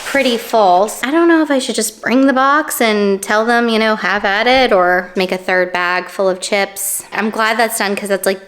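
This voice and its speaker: A woman's voice: medium pitch, moderate pace, hardly any pauses, a bit bright. A woman vlogging in a casual, chatty way, laughing often and filling her talk with "like". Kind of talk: casual vlog chat.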